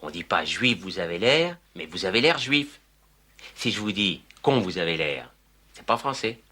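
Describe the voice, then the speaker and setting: Grumpy, sarcastic man for film comedy, husky and coarse, very animated pitch. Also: moderate pace, full character voice. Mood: testy, sarcastic. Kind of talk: French film comedy acting.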